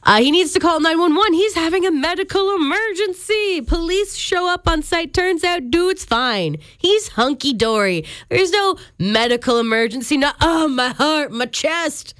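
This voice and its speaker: A woman's voice: very high voice, expressive, normal speed, few pauses, fairly bright tone, dry recording, clean studio sound. A woman hosting a radio show with upbeat patter. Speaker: radio host.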